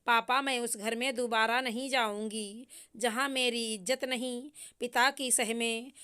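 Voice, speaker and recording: A woman's voice: on the high side, steady tone, unhurried, pushed and bright, smooth. A woman voicing a stubborn, spoiled young bride who talks back angrily. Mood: angry. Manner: sulky, defiant.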